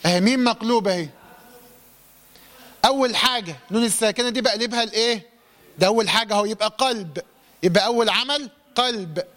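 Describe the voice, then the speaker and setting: This tajweed teacher speaks with an Egyptian Arabic accent in a high-pitched, pushed, bright voice. He talks a little fast but leaves long pauses, posing questions about Quran recitation rules and then answering them.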